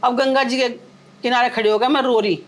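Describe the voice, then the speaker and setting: A woman's voice: a little high, steady tone, fairly quick. A middle-aged woman, a singer's mother, telling family stories in a podcast interview with vivid, emotional retelling.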